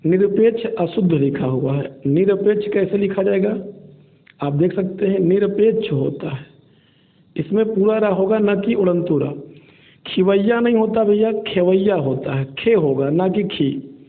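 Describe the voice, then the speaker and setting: Slow high-voiced teacher, tinny audio. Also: male voice. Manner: steady, explains each answer option and repeats the correct form. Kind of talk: exam-prep spelling lesson.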